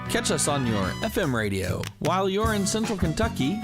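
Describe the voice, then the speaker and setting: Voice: mid-range voice, very animated, normal speed. A station announcer reading a scripted upbeat podcast promo. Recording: read over loud guitar music.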